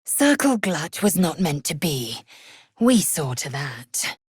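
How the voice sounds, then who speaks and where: A woman's voice: low-pitched, big pitch swings, slow, breathy edge, dry recording, clean studio sound, full character voice. An actress playing a fierce, proud young alien warrior woman in a fantasy video game, speaking in an imperious, clipped, scornful way with formal phrasing. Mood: brisk, commanding.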